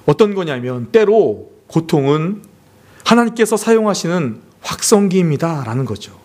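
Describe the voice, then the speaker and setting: A pastor delivers a sermon in a church sanctuary, speaking earnestly. He acts out family scenes to make his points, his pitch swinging widely as he does.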